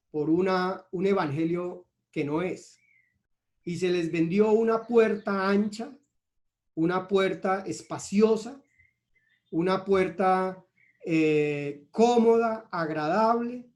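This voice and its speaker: A man's voice: sits high, a little mellow. A man preaching a sermon in an earnest, emphatic way, repeating words and restarting phrases.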